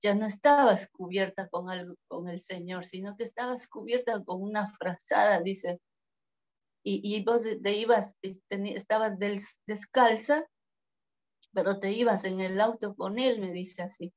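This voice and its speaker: A woman giving a halting, earnest personal testimony at a church Bible study, repeating her pleas. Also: medium pitch, darkish tone, muffled recording.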